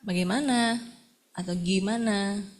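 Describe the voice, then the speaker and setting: A woman's voice: mid-range voice, a little slow. A woman, leading a sign language workshop and calling out words one by one for participants to practice. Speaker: workshop facilitator.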